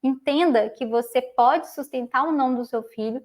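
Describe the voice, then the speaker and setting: A woman's voice: sits high, normal speed, a little mellow. A woman giving parenting advice to mothers as a coach, speaking earnestly and repeating her key points with frequent tag questions. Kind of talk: talking-head advice video.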